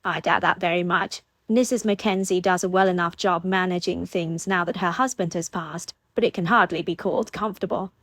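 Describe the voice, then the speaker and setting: A woman's voice: fairly low pitch, fairly even intonation, fairly quick, hardly any pauses, fairly bright tone, no room sound. A woman voicing a frank, good-humored young lord, close to her own reading voice. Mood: jovial. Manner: frank, jovial.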